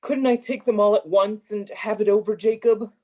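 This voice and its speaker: A man's voice: sits high, steady tone, normal speed, darkish tone, close to an everyday voice. A man acting a grumpy, miserly old man in a radio play, blustering and grumbling. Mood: nervous, pleading.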